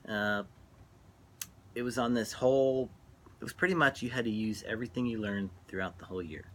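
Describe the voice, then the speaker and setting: Man, middle-aged, lowish voice, smoking while talking, halting casual monologue, noisy background. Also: fairly bright tone. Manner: halting, reflective, trailing off between phrases. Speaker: vlogger. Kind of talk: casual rambling monologue, reminiscing.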